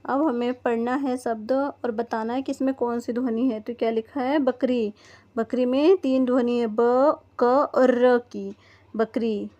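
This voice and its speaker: A woman's voice: a little high, fairly even intonation, moderate pace, dark tone. A woman teaching a first-grade textbook lesson to young children, patiently sounding out words letter by letter. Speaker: primary school teacher. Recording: dull lo-fi recording.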